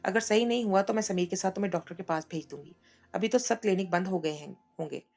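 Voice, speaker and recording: A woman voicing a caring, fussing older mother figure in a read-aloud story, with a gravelly voice. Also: mid-range voice, fast talker, a little mellow, soft background music. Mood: soothing. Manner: fussing, affectionate, worried.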